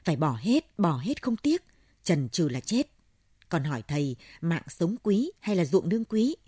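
A young soldier son speaks with urgent insistence, louder and pressing, in a storybook reading by a woman narrator. A husky grain stays in the voice. The sound is dry and close. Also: fairly low pitch, big pitch swings, moderate pace, no echo. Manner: insistent, forceful.

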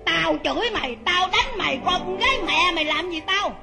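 An actress playing a domineering, quarrelsome old mother-in-law in a stage drama, shrill and scolding. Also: expressive, fairly quick, gravelly, loud music behind the voice, exaggerated voice. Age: older. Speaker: actor. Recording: echoey room.

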